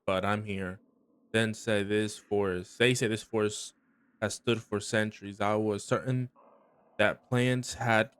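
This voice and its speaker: A man reading aloud the lines of a weary, dutiful male worker out in the woods, in a measured, plain way. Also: lowish voice, clean tone, no echo, voice pushed down, natural voice. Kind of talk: reading game dialogue aloud.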